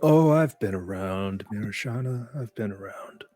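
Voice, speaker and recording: A man voicing a calm, cryptic old wandering mystic with a raspy, aged voice and a musing manner in a tabletop game. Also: on the low side. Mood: sly, knowing. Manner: slow, musing, unhurried. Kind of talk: tabletop game role-play.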